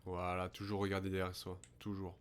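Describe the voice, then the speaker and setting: Guy streaming a horror game, scared, swears and mutters to himself, lowish voice, noisy hum behind him. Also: a little fast. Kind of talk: horror game let's play commentary. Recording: steady background noise with hum.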